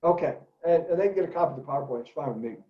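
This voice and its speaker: A middle-aged educator gives an animated presentation to parents, telling stories in character voices. His voice is fairly high and his delivery rapid-fire, recorded in an echoey room with dull lo-fi sound.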